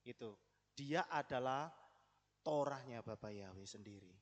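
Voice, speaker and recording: A man's voice: medium pitch, lively intonation, unhurried, big-room sound. A man preaching a sermon in a conversational way, often putting questions to the congregation.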